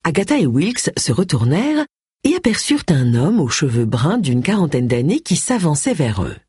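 An audiobook narrator reading a mystery novel in an expressive, varied manner. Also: mid-range voice, moderate pace, slightly rough, dry recording, clean studio sound. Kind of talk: scripted narration.

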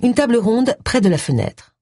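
A woman narrating an audiobook in expressive storytelling style. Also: a little high, normal speed, husky, no echo, studio quality. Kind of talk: scripted narration.

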